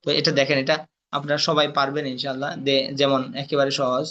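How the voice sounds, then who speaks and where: This recorded lesson features a young man reciting Quranic letter sounds one at a time, slow and deliberate, with repeated drills and questions for the class. The pitch is medium, the delivery flat, the tone fairly bright, and the high frequencies are cut off.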